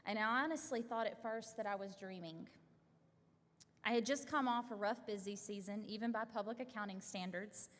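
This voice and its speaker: A young woman giving an earnest, heartfelt acceptance speech as she receives an award, speaking in a large hall at an awards event. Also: mid-range voice. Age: young adult. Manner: earnest, heartfelt thank-yous read from notes. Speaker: award recipient. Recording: long hall reverb.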